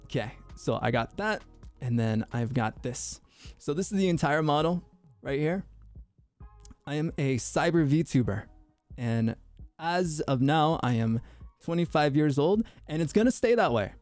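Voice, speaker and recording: A man's voice: fairly high pitch, animated, darkish tone, faint music behind. A young man streaming his VTuber debut, goofy and joking, often tripping over his words in restarts. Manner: goofy, joking, quick to laugh; stammering restarts. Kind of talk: casual livestream chat.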